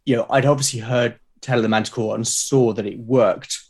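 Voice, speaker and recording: A British man appears as a podcast guest in a casual conversational interview, enthusiastic yet hesitant and often repeating words. His voice is medium-pitched, steady and brisk.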